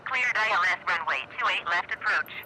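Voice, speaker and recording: A tower controller over radio. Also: male voice, high voice, animated, fairly quick, noisy background. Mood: flat. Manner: clipped, procedural radio phrasing. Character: male air traffic controller over radio. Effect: radio transmission.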